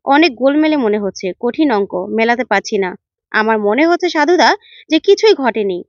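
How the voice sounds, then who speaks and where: A woman voicing a sharp young woman investigator who questions and scolds sternly, in a dull, dry recording. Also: on the high side, lively intonation, fairly quick, no room sound, natural voice.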